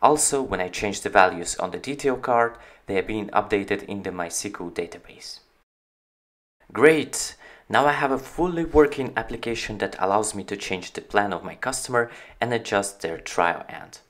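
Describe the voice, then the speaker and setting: Man narrating a software walkthrough. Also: on the low side, normal speed. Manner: steady, explanatory walkthrough. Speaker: company founder presenting a product. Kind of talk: screen-recorded software tutorial. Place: voice-over on a screen recording.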